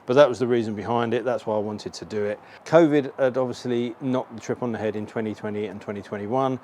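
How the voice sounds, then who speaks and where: A man's voice: fairly low pitch, steady tone, fast talker, darkish tone. A middle-aged man casually talking through motorcycle gear as a vlogger, in an informal walkthrough to camera. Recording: clearly audible ambient background noise.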